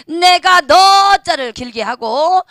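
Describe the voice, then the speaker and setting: A middle-aged woman singing teacher who explains quickly and then sings phrases for the class to repeat. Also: extremely high pitch, lively intonation, sharp tone, dry recording, studio quality. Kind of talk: online singing lesson. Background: backing track music.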